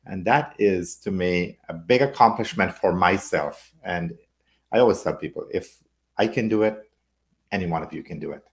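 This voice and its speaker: Interviewed as a guest, a public speaking leader from Guyana tells his story in a friendly, expansive manner with rhetorical asides. He has a deep voice and a moderate pace.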